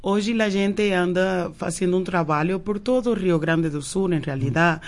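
A woman's voice: fairly low pitch, moderate pace. A Cuban woman whose first language is Spanish, a naturopath guest on a radio show, who speaks Portuguese with Spanish words mixed in and often repeats words while searching for them. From Cuba. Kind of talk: radio interview answers. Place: radio studio.

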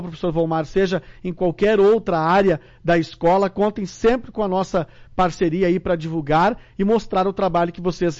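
A man's voice: high-pitched, a little mellow. A man with a southern Brazilian accent hosting a live local radio interview. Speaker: radio host. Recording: dull lo-fi radio broadcast.

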